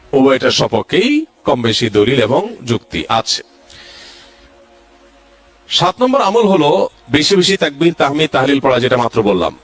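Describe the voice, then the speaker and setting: Man preaching a numbered religious lecture. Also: mid-range voice. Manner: numbered points, Arabic recitations. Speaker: Islamic preacher.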